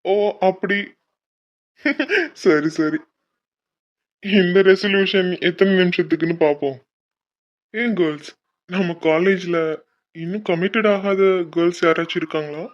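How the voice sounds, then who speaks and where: A man's voice: sits high, lively intonation, a little slow, pauses often, muffled recording. A man voicing a young male college senior in a cartoon, teasing and affectionate. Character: young male college senior, playful then tender husband. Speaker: voice actor for a cartoon. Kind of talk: cartoon dialogue.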